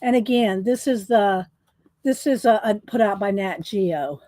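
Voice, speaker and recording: A woman's voice: mid-range voice, a little slow, mellow, no room sound. A woman chatting casually with viewers during a coloring live stream, rambling and restarting her sentences. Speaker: livestream host coloring.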